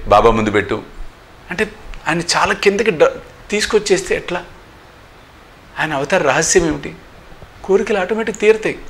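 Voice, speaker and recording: A man's voice: on the high side, fairly bright tone. A man giving a devotional discourse as a spiritual teacher, emphatic and full of rhetorical questions, with English phrases spoken.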